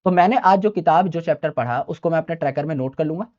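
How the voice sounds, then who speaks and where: A man's voice: on the high side, fast. Chatty male teacher, dull lo-fi sound. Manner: chatty and emphatic, repeats key points, addresses listeners as brother. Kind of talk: informal study-advice lecture.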